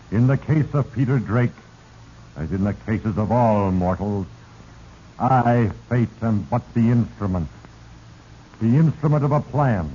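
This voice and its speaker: An actor playing Fate, a sinister, solemn narrator with a pompous, ominous delivery in a 1940s radio drama. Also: male voice, fairly low pitch, mellow. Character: Fate, sinister solemn narrator who manipulates mortal lives. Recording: muffled, noisy 1940s radio recording.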